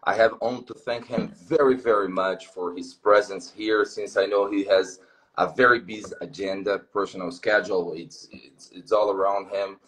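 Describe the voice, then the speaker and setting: Articulate low-voiced Brazilian man. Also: steady tone, a bit bright, poor audio. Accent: Brazilian Portuguese. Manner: measured, articulate, explanatory. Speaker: guest, former student. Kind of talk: live-stream interview.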